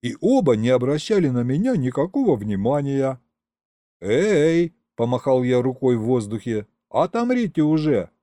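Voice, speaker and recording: A man reading a first-person audiobook with an expressive delivery. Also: mid-range voice, brisk, few pauses, no echo, clean studio sound. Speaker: audiobook reader.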